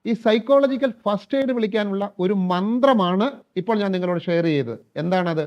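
Earnest man with a high voice. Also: brisk, darkish tone. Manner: earnest, addresses listeners directly. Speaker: counselor giving advice. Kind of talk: storytelling talk with advice. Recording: dull lo-fi recording.

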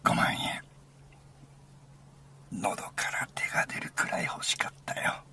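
A man reading a first-person story aloud as an intimate, conversational monologue, sometimes dropping into a hushed near-whisper. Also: normal speed. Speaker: narrator.

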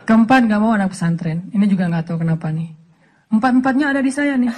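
A man's voice: sits high, quick pace. A man from Aceh preaching a humorous sermon, telling stories and acting out the voices he quotes. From Aceh, Indonesia. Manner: animated, joking, acts out quoted voices. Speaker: Islamic preacher.

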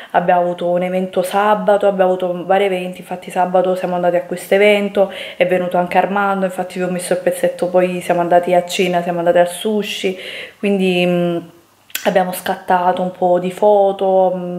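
Young female influencer, low-pitched and chatty, recorded at home in a reverberant bedroom. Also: flat delivery, a little fast, darkish tone. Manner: chatty, many fillers and restarts. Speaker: beauty influencer. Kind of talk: casual vlog chat. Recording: echoey room.

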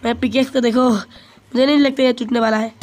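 A man's voice: very high-pitched, brisk, slight background noise. A young male gamer chatting casually and bantering with a friend while playing. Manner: bantering, excitable when in danger. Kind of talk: casual gameplay chat.

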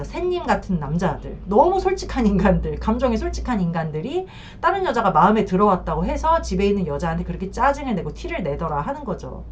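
A woman counselor giving blunt marriage advice, acting out what spouses say. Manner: blunt and animated, acts out quoted spouses. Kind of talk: advice talk to camera. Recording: slightly dull recording with faint rumble.

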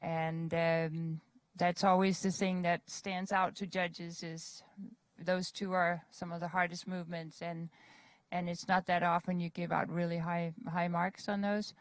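Female judge giving encouraging feedback. Lowish, steady voice, dry sound. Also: measured pace, no echo, rough recording. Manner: encouraging, repeats words for emphasis. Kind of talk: spoken feedback to a rider.

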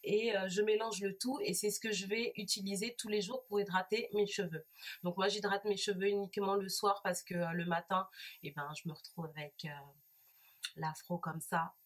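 A woman vlogger talking casually about hair products she bought, pausing often with fillers and restarts. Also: medium pitch, fairly even intonation. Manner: hesitant, many fillers and restarts. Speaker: beauty vlogger. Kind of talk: casual product haul review.

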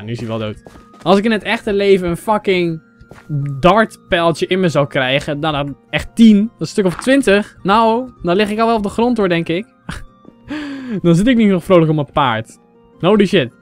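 A young man from the Netherlands doing Minecraft let's play commentary, excitable, exclaiming in English and chatting to his viewers. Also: high-pitched. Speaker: gaming channel host. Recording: faint game music behind.

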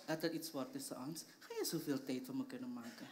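A woman's voice: very deep voice, fast. A woman playing a teasing young girlfriend who fusses over her mother in a live stage comedy. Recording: live theater with audience.

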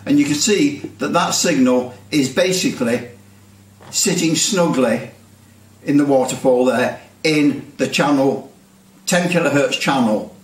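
A British man in his seventies who presents a CB radio channel explains technical things casually to camera at a measured pace, in a medium-pitched voice, sometimes repeating himself. He's in a small workshop with bare brick walls, recorded on a distant mic with a roomy echo.

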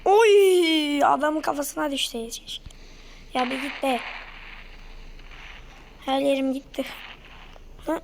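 A woman hosting a casual let's-play video with a hoarse throat, giving excitable commentary with loud sudden outbursts at the game. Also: high-pitched, slow pace, pauses often, slight background noise. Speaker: gaming video host.

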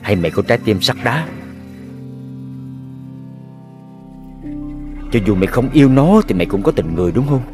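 A man's voice: mid-range voice, sing-song, rapid-fire, music in the background, lightly acted. An actor playing a ruthless male gang boss who interrogates his captives in a menacing, taunting way.

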